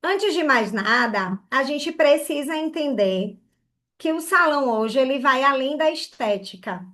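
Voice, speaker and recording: A woman from Bahia, Brazil, teaches an online hair care class with real earnestness, often checking in with "né?" and "tá?". Her voice is high and a bit bright, with lively intonation and an unhurried pace.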